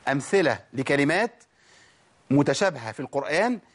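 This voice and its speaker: A man with an Egyptian Arabic accent teaching Quran recitation rules, drawing out sounds slowly to demonstrate them and asking rhetorical questions. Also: on the high side, big pitch swings, slightly rough. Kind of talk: tajweed lesson.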